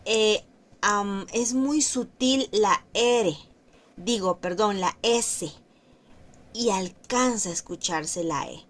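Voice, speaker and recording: A woman teaching an online language class, slow and patient, repeating words again and again to model how they sound. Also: mid-range voice. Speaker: French teacher.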